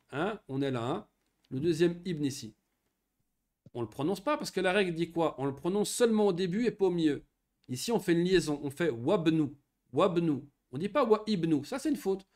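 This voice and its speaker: A man from Morocco teaching an online Arabic grammar lesson to children, explaining patiently and often checking that they follow. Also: on the high side. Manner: patient, lively explanations with frequent checking questions.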